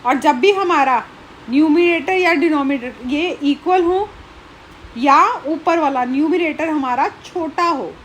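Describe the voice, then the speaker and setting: A woman's voice: high-pitched, unhurried, slight background noise, low-quality recording. A woman teaching a school math lesson, explaining patiently, checking in often and counting items aloud one by one.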